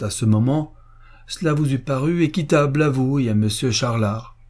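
A man's voice: mid-range voice, warm tone, close to an everyday voice. A man voicing an indignant old father, proud and hurt, in a storybook reading, with bitter, reproachful speeches.

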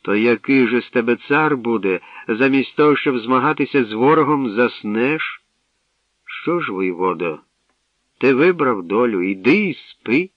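A man voicing a playful, clever young princess with a teasing, sharp manner. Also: medium pitch, big pitch swings, measured pace, no room sound, recorded from a distance, dull audio, pitched above the performer's own voice.

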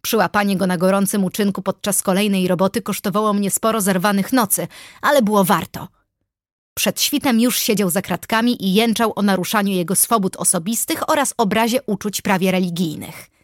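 A woman's voice: medium pitch, no room sound. A woman narrating an audiobook in the first person, in a dry, wry manner, close to the mic. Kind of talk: scripted narration.

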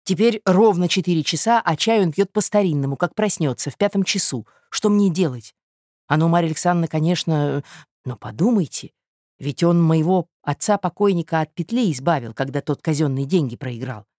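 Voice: mid-range voice, expressive, brisk, a little mellow, dry recording, studio quality, lightly acted. A reader voicing a flustered, stumbling young suitor. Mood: anxious, pleading. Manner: hesitant, stumbling speech with fillers.

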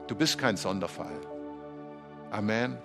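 Fervent preacher, soft music behind. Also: male voice, fairly low pitch, animated, unhurried, gravelly. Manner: fervent, swings between loud exclamations and soft murmured prayer. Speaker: pastor. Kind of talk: charismatic sermon with prayer. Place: church hall, also streamed live.

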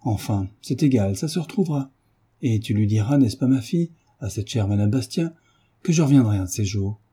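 A man with a husky, dark voice voicing a jovial, folksy old noblewoman. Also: lowish voice, expressive, fairly quick. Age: older. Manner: folksy, familiar, rambling. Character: homely, jovial old female marquise.

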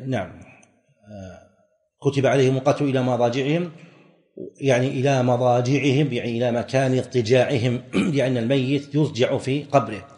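A man teaching a religious lesson, explaining verses in a measured way and repeating his points. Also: mid-range voice, darkish tone. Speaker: Islamic scholar teaching. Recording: recorded lecture with long hall reverb.

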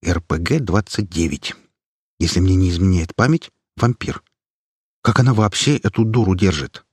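Husky, wry male audiobook narrator. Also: low voice, moderate pace, darkish tone, no echo, clean studio sound. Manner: wry, ironic storytelling. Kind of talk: first-person audiobook narration.

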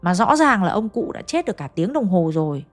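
A woman's voice: mid-range voice, sing-song, fairly quick, soft background music. A woman telling a ghost story in a chatty way, turning to ask her listeners questions. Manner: chatty, addresses listeners directly. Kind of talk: oral ghost story narration.

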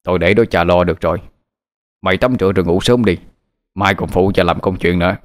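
A man's voice: sits low, fast talker, natural voice. A man voicing a vengeful dog spirit that has possessed an old husband, hissing threats. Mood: gruff. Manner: menacing, hissing threats through teeth.

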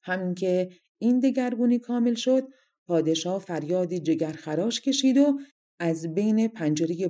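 Woman reading a fairy tale in a mellow voice. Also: lowish voice. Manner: calm, measured reading. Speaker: storyteller. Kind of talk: audiobook narration.

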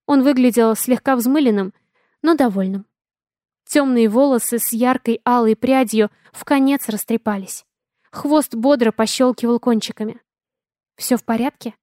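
A woman with a fairly high voice narrating a first-person audiobook. She reads expressively and makes the drama of the story come through. The recording is close and dry, with no room sound. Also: moderate pace, mellow, no room sound.

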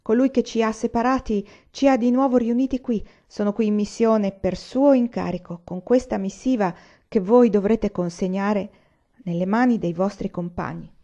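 A thoughtful grown man on an errand of state, read aloud by a woman. He speaks earnestly and plainly in a mellow voice. The audiobook recording sounds slightly dull. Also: medium pitch, normal speed, natural voice. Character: grown man, thoughtful, reserved returning envoy.

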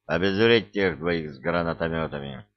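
Guy reading an audiobook doing a gruff swearing sergeant yelling under fire, real low voice, muffled recording. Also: moderate pace, close to an everyday voice. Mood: shouting. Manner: shouting, cursing. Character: gruff hot-tempered male sergeant in battle. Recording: dull lo-fi recording.

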